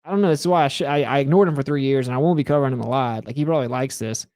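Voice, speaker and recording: A man's voice: mid-range voice, rapid-fire, a little mellow, no room sound. A man hosting a reaction commentary, mocking and sarcastic as he picks apart clips. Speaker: show host reacting to clips.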